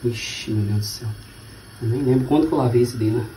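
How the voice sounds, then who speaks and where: A home cook and vlog host in his thirties, speaking with a Brazilian Portuguese accent, talks fast in a warm, mid-range voice. He jokes in slang while demonstrating cooking to camera. The recording comes from a small indoor home kitchen that echoes with clattering dishes and noise.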